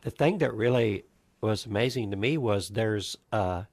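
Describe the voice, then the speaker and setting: A man's voice: on the low side, normal speed, no room sound. Male co-host with a cold; stuffy, dry close sound, hesitant fillers. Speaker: radio co-host. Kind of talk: casual radio chat.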